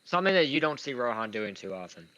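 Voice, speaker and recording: A young man with a bright, forward voice at an ordinary male pitch and a speech impediment that turns his r into w. He commentates on his gaming in a loose, informal way, rambling and putting himself down. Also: big pitch swings, fast, lo-fi sound. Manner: informal, rambling, self-deprecating. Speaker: gamer commentating on own play. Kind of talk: casual live gaming commentary.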